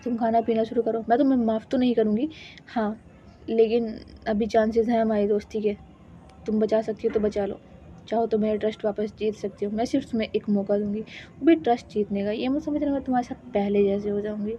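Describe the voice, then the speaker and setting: A woman voicing a fiery, protective young woman who scolds loudly, on a dull lo-fi recording with faint hiss. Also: a little high, fairly even intonation, brisk, natural voice. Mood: stern. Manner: scolding, raises voice sharply.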